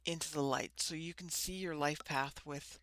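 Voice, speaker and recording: A woman with a lisp and slushy s sounds, giving an informal spiritual talk to camera in short, halting phrases. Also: low-pitched, steady tone, fairly bright tone, dry recording. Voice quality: lisping, slushy sibilants from ill-fitting dentures. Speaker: host of a spiritual card-reading channel. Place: small room.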